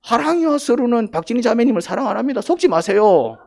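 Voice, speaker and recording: 경상도 사투리로 설교하는 남성 목사로, 조용하게 말하다가도 크게 힘주어 외치며 강조합니다. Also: male voice, extremely high pitch, big pitch swings, fast, gravelly. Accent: Gyeongsang Korean. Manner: dialect-heavy, emphatic, swings from quiet to loud. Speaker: pastor. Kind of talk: sermon.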